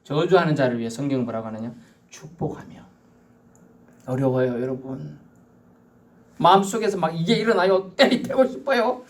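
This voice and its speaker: A man's voice: fairly high pitch, brisk. A male pastor with a Gyeongsang accent preaching a sermon in a church, joking with the congregation and acting out quoted voices. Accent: Gyeongsang Korean. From Gyeongsang region of Korea. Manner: animated, jokey preaching that acts out quoted voices. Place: church sanctuary.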